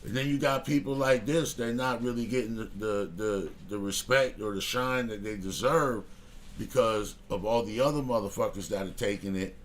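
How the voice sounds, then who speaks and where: Low-voiced rambling man reviewing songs. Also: moderate pace, slight background noise. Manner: rambling, loose, heavy cursing and filler. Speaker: music review show host. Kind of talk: casual music review talk.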